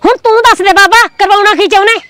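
A woman playing a hot-tempered village wife who speaks in quick, threatening bursts, with a Malwai Punjabi accent. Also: extremely high pitch, steady tone, bright, forceful tone, slight background noise. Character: fiery village wife, young adult.

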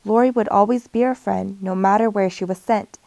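A woman reads a picture book aloud in a gentle storytelling way, lightly giving each character a voice of their own. Her pitch sits in the middle, and the recording is close and dry. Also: steady tone, brisk, gravelly, no room sound. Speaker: storybook reader.

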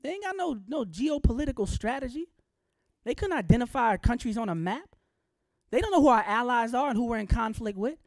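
A woman's voice: fairly high pitch, lively intonation, brisk, darkish tone, no room sound, studio quality. A middle-aged woman giving an impassioned public lecture, blunt and colloquial, firing off rhetorical questions in a preachy, fiery way.

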